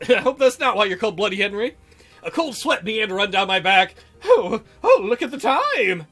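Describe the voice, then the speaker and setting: Very animated and speaking at a moderate pace, a man with a high, fairly bright voice reads a visual novel aloud for a let's-play. He's joking and theatrical, giggles often, and adds playful commentary over music.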